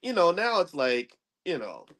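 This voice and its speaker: In a casual, lecture-like talk on money, a middle-aged man who comments on economics rambles conversationally, restarting thoughts and checking in with "right?". He sounds very animated, with a slightly high, a bit bright voice at a measured pace.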